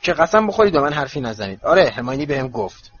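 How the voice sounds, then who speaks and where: A man voicing a resentful teenage boy with forced calm and sarcasm in a storybook reading, in a slightly muffled recording with faint hiss. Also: medium pitch, slightly rough. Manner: strained calm breaking into sarcasm.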